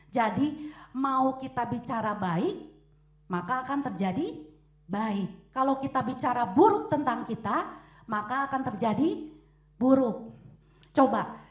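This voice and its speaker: Lively high-voiced woman preaching. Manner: lively, acts out quotes and echoes. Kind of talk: sermon. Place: church hall.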